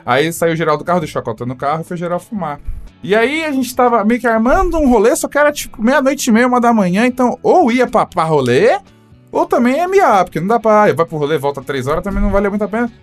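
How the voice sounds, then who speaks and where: A man's voice: high-pitched, very animated, fast, soft background music. A Brazilian man telling a story in a casual chat among friends, acting out the voices and laughing often. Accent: Brazilian Portuguese. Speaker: podcast guest telling a story.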